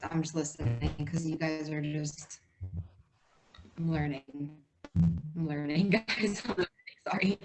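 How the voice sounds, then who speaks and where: A woman's voice: low voice, steady tone, a little slow, pauses often, darkish tone, low-quality recording. Woman, podcast co-host, casual chat, hesitant, trails off, faint music behind. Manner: hesitant, trailing off, many fillers.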